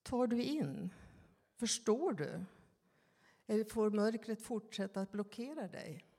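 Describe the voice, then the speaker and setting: A woman preaching a sermon, slow and reflective, with pauses and questions put to her listeners. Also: on the high side, lively intonation, warm tone, breathy edge, in a large hall. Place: church.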